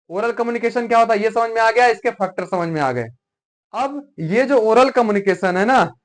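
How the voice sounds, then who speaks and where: Speaking in a high voice, a male teacher from Uttar Pradesh, India, lectures his class and regularly checks comprehension with rhetorical questions.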